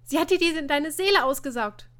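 A woman voicing a cheeky, excitable teenage schoolgirl who blurts out her remarks. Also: sits high, moderate pace, pitched above the performer's own voice. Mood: blurting. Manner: loud, blurting interjections.

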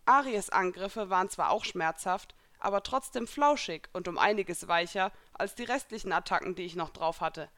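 A woman reading a first-person fan fiction story aloud, with lively, expressive storytelling. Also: on the low side. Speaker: audiobook narrator.

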